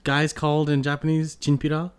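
A woman hosting a casual podcast, relaxed and laughing often as she asks her guest many questions. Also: low voice, fast talker, clear, resonant tone. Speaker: podcast host.

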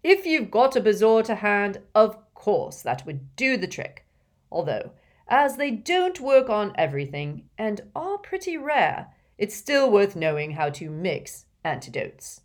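A woman voicing a jovial, portly older male potions teacher with a hearty, booming manner. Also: sing-song, measured pace.

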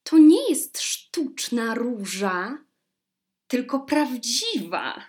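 A woman's voice: a little high, big pitch swings, drawn-out words, a little mellow, pitched above the performer's own voice, exaggerated voice. A woman voicing a spoiled, fussy young princess in a storybook reading, speaking petulantly and scornfully.

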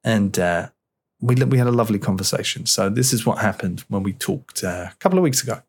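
A man hosting a podcast, talking in a relaxed, chatty way with plenty of fillers. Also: lowish voice, a little fast, breathy edge. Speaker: podcast host. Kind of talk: casual chat.

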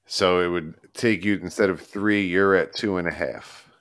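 A man's voice: deep voice, steady tone, moderate pace, a bit bright, smooth, dry recording, studio quality. A man co-hosting a podcast in casual chat, methodically reasoning through the scoring. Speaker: podcast co-host.

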